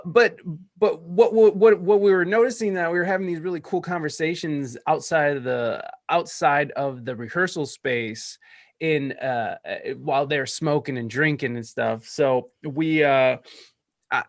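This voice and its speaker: Podcaster in his late thirties, a guest, energetic rambler who trips over his words, slightly high voice, dry close mic. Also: no echo. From California. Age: 30s. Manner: energetic, rambling, stammering restarts. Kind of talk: casual interview chat. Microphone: podcast microphone.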